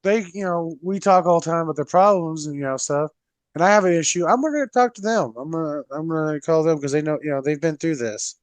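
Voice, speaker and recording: A blunt man chatting casually on a podcast, cursing freely and putting on other people's voices as he tells stories. His voice sits fairly high for a man. The sound is dry and close, with no room to it. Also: quick pace, no echo. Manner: blunt, profane, swings his pitch mimicking others. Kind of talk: casual chat.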